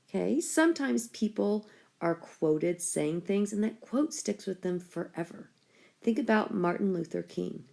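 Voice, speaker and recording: A woman's voice: medium pitch, gravelly, dark tone. A woman schoolteacher explaining a writing lesson to her class step by step. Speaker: school teacher.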